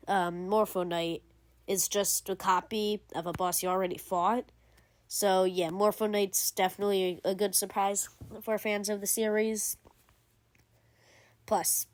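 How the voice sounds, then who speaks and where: In a clean recording with no room sound, a woman with a mid-range voice rambles through casual game commentary, ranking games as a gaming video creator. She fills her talk with lots of fillers and keeps correcting herself.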